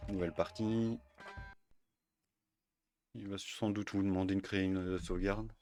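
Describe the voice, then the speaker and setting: Male tutorial host; low, hesitant, casual, faint music. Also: steady tone, moderate pace, a little mellow. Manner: hesitant, many fillers and self-corrections. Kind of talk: casual screen-recorded tutorial.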